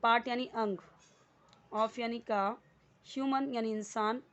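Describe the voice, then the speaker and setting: A woman's voice: fairly high pitch, fairly even intonation, slow, fairly bright tone, highs cut off. A woman teaching English word by word, patient and explanatory. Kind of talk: Hindi-medium English lesson.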